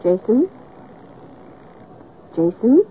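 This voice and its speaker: A woman's voice: on the high side, big pitch swings, drawn-out words, heavily acted. An actress playing a deceitful, coolly composed married woman feigning innocence in a radio drama. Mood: cool, dismissive. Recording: thin phone-like sound, faint noise.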